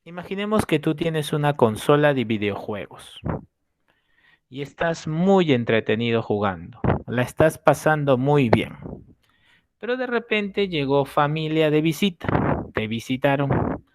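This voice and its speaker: A man's voice: a little high, expressive, a little slow, no echo. A man teaching an exam-prep lesson, explaining with acted examples and checking in often with the class.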